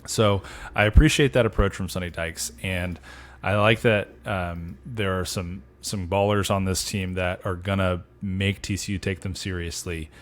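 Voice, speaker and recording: A man with a fairly low voice co-hosts a sports podcast. He talks in casual chat, measured and easygoing, with dry humor. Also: fairly even intonation. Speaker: podcast co-host.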